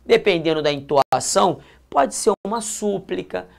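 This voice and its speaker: A woman's voice: on the low side, lively intonation, normal speed, vocal fry, a little mellow. A woman with a Brazilian accent teaching grammar in a video lesson, emphatic, repeating key points and dropping colloquial asides. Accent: Brazilian Portuguese. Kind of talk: classroom-style video lesson.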